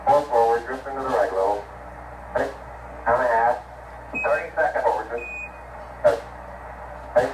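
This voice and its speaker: A man giving terse, calm technical callouts over a crackly space-to-ground radio link, replayed from archive audio. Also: mid-range voice, normal speed, pauses often. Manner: clipped, calm, numeric reports. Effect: crackly space-to-ground radio transmission. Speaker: astronaut and mission control callouts. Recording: distant noisy radio audio replayed in a hall.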